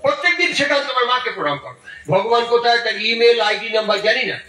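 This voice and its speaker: A man's voice: very high voice, sing-song, racing, bright, forceful tone. A middle-aged man with a Bengali accent giving an impassioned devotional sermon, repeating his phrases as he tells a story. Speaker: satsang speaker. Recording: echoey hall, distant mic.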